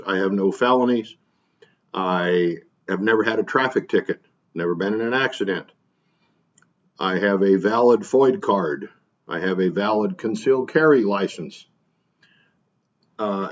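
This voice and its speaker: A middle-aged man from Illinois hosting an opinion monologue, talking plainly with uhs and frequent throat clearing. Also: on the low side. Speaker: vlog host, gun dealer. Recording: dull lo-fi sound.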